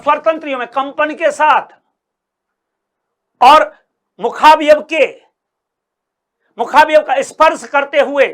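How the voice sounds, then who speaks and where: High, bright-voiced male grammar teacher. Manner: repeats phrases and asks the class questions; sounds out letters slowly to demonstrate. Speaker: coaching teacher. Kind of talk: Hindi grammar lecture.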